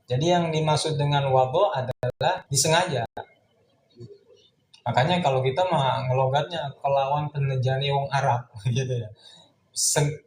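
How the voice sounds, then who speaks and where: Man teaching in an echoey room. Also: fairly high pitch. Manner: reads Arabic text, glosses it in Javanese, then explains in Indonesian; asks and answers his own questions. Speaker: Islamic grammar teacher. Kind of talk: kitab commentary lesson. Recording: echoey room with faint background noise.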